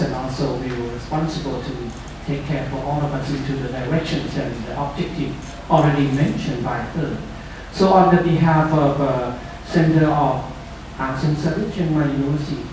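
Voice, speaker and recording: A middle-aged man, head of a university center, gives a rambling welcome speech full of "you know". His voice sits fairly high. He sounds distant in a very echoey room with audible hiss. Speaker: head of a university center giving opening remarks. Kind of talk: formal welcome speech, loosely phrased. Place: large lecture room.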